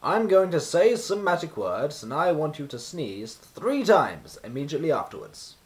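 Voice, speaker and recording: Wise old wizard for a children's storybook, voiced by a male narrator: brisk, grandly emphatic, very animated delivery. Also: on the high side, pitched above the performer's own voice. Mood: brisk, commanding. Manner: emphatic, exclamatory, grandly wordy.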